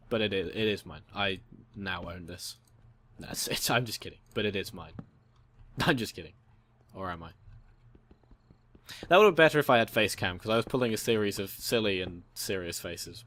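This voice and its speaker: Rambling young man narrating gameplay. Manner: rambling storyteller, voices quotes high and loud. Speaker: gaming channel host. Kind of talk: casual gameplay commentary.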